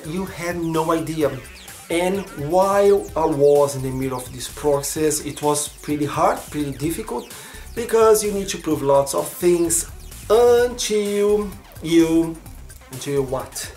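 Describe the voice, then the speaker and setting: Brazilian man vlogging in an echoey room. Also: a little high. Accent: Brazilian Portuguese. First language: Portuguese. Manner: expressive, searching for English words. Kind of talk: casual personal vlog.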